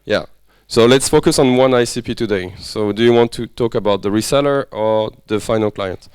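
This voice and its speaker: Leading an interactive business workshop, a French-accented lecturer talks in a fairly low, brisk, darkish voice with a resonant ring. His manner is friendly and chatty, with frequent checks on whether everyone understands. The recording from the workshop room is clear and free of room sound.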